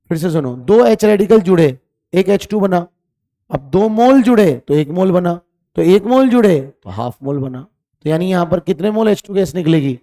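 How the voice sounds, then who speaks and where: A male chemistry teacher leads an online exam-prep lesson. He speaks in a fairly high, mellow voice. He fires questions at the class, repeats them and sternly scolds students for answering lazily.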